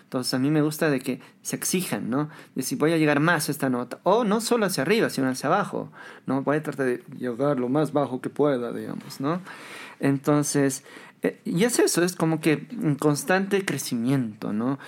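A man's voice: mid-range voice, normal speed. A young adult Bolivian man with a Bolivian Spanish accent, a pianist chatting in an interview with frequent tag questions. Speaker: guest musician, pianist. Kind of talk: casual interview talk.

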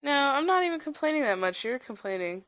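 A woman's voice: high voice, very animated, quick pace, a bit bright, no room sound, muffled recording. A woman chatting casually over a film, blunt and teasing as she comments. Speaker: movie reaction commentator. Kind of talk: casual film-watching chat.

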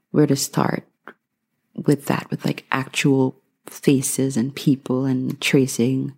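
Woman vlogger, from Guyana, deep voice, relaxed tone, reflective, casual chat. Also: gravelly. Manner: reflective, dry humor. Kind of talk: casual Q&A vlog.

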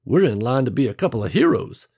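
A man voicing a big, brash male plant worker who talks in a gruff, folksy way. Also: mid-range voice, sing-song, fast, a little mellow, voice pushed up. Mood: boastful.

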